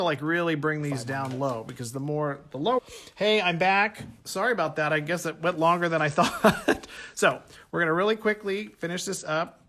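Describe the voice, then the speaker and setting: Guy showing painting techniques, kinda high voice, chatty, talks to himself while he works. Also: a bit bright. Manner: chatty, thinks aloud while working, self-correcting. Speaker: art instructor. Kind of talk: casual painting demonstration. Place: home art workspace at a table.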